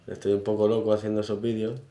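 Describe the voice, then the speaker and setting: A man in his twenties, a barber, chatting casually while shaving a client in his small shop, in short relaxed phrases. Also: fairly low pitch, quick pace. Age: 20s. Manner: relaxed, modest, talks in short trailing phrases. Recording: roomy shop echo, faint noise.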